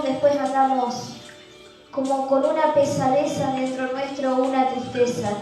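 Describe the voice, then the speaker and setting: A woman's voice: sits high, a little mellow. A woman with a Rioplatense Argentine accent preaching a sermon to a youth group, reading scripture and asking the listeners rhetorical questions in an earnest way. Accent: Rioplatense Spanish. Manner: earnest, rhetorical, reads scripture aloud then explains. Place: church hall. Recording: echoey hall from far off, music behind.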